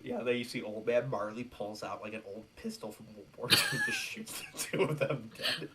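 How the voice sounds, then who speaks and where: A man co-hosting a casual film commentary podcast, chatting with quick asides and a lot of "like". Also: medium pitch, wildly swooping pitch, heavy background noise. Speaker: podcast co-host.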